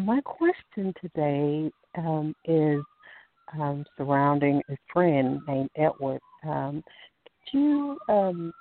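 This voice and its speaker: A woman calling in to a show over a phone line, polite and hesitant, with many pauses and fillers. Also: deep voice, creaky. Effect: caller heard over a phone line on a call-in show. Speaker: caller to a call-in show.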